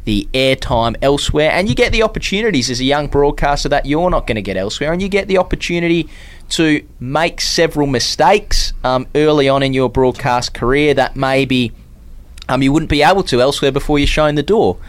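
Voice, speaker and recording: An Australian man co-hosting a podcast, speaking in a measured, appreciative way about his community radio years. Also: a little high, animated, no echo. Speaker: podcast co-host, former community radio broadcaster. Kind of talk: casual chat.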